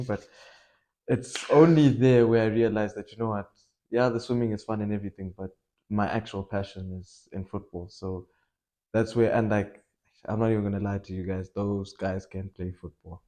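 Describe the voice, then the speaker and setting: A young man from Malawi chats easily about his life in football, his voice sitting a little low. He talks in a loose, animated way, joking and laughing as he goes. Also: moderate pace. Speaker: football coach and academy owner. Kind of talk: casual podcast interview.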